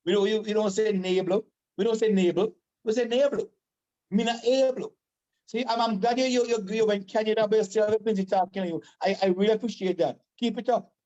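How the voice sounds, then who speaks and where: High-voiced, mellow Vincentian man. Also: fairly even intonation, quick pace, hardly any pauses, muffled recording. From Saint Vincent and the Grenadines. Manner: emphatic, repeats phrases. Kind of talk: casual radio conversation.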